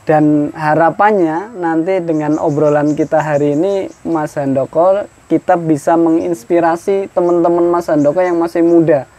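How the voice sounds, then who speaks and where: Warm-toned and fairly high-pitched, this thirty-something podcast host and agricultural extension worker speaks at normal speed with fairly even intonation. In a hillside outdoor greenhouse, he chats in a friendly way during a casual farm interview, piling on leading questions.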